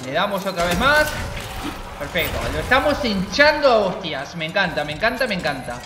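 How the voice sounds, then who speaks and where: A young man commenting on his game, excitable and jokey, swearing and taunting the monsters. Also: sits high, a little fast, echoey room, background noise. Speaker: gaming channel host. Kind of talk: let's play commentary.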